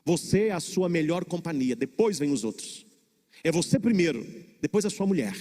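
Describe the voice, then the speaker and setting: Brazilian priest giving a sermon, highish voice, lots of pauses and repeats, long church echo. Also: male voice, animated, warm tone. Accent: Brazilian Portuguese. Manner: preaching with dramatic pauses and repetition.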